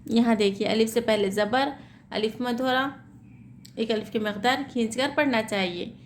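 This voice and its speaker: A woman teaching tajweed, spelling out letters slowly and explaining the reading rules, checking in with "theek hai" as she goes. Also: on the high side, a little hiss or hum. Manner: slow, drawn-out syllable-by-syllable spelling.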